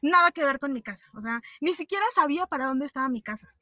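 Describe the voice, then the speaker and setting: A woman's voice: high-pitched, fast talker, no echo. A young Mexican woman telling a personal story in casual chat, acting out what people said. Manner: animated storyteller, acts out dialogue.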